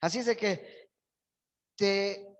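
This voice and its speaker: A man's voice: high-pitched, slow, lo-fi sound. A male pastor preaching a sermon in church, his voice surging up with emphasis on key phrases.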